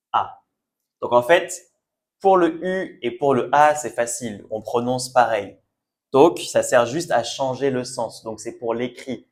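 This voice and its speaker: Male language teacher, patient and repetitive, unhurried delivery, mid-pitched voice. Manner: patient, repeats and checks understanding. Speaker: French teacher. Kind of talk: language lesson video.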